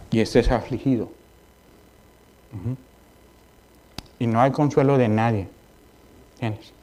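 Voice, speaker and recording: A male pastor preaching a sermon in a conversational style, mixing personal stories with exhortation and often asking his listeners if they understand. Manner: rises high and loud in exhortation, drops quiet in storytelling. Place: church sanctuary.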